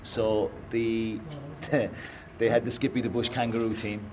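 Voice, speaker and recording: A former player recalling a fan chant with quiet amusement. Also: male voice, lowish voice, flat delivery, a little slow. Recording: distant, noisy ambience.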